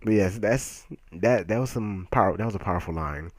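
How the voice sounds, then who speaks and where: A man casually reviewing a comic chapter, excitable and self-correcting, swearing and laughing at himself as he goes. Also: on the low side, a little fast, no echo. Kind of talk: casual unscripted review commentary.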